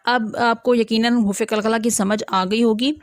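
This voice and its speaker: A woman teacher giving an online Quran reading lesson, patiently explaining step by step, asking her class questions and slowly sounding out letters. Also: on the high side, steady tone, no echo, studio quality.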